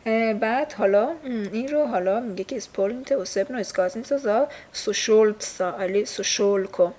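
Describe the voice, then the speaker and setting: A mellow, mid-range female voice with a Persian accent leads a casual recorded language lesson read from a textbook. She is patient in her explanations and leans on lots of fillers, with a bit of hiss or hum in the background.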